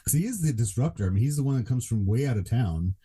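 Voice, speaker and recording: A man's voice: medium pitch, animated, quick pace, mellow, slightly rough. A man co-hosting a podcast in casual chat, rambling with lots of fillers and restarts. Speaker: podcast co-host.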